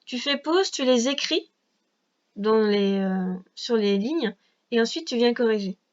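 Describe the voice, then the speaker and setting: A woman's voice: on the high side, animated, a little slow, highs cut off. A woman teacher guiding a young child through a reading lesson at a patient, carefully articulated pace. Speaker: first-grade teacher.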